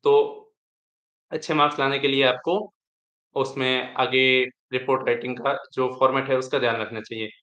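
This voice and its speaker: A man's voice: medium pitch, steady tone, normal speed, fairly bright tone, muffled recording. A young man who topped an exam explains how to structure answers, restarting phrases as he advises. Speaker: exam topper sharing tips. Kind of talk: live online interaction. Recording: echoey room.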